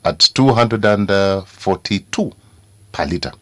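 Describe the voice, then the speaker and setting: A man with a Kenyan accent, a studio guest on a morning radio show, speaking deliberately and insistently with many fillers. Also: lowish voice, expressive, sharp tone, dry recording. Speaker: studio guest, party executive. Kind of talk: political talk show discussion.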